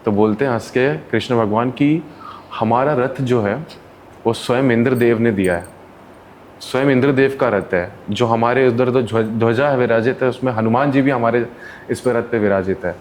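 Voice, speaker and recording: Medium in pitch and normal in speed, this man's voice carries animated stories told during a casual interview. He works as a counsellor and gives the quoted people in his anecdotes their own voices. There's a faint hum of background noise.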